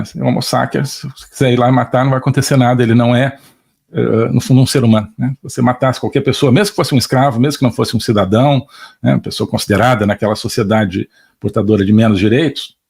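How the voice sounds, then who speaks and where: A man's voice: medium pitch, vocal fry, a little mellow, husky. A middle-aged man with a Brazilian Portuguese accent giving an online political lecture, hesitant, full of fillers and tag questions.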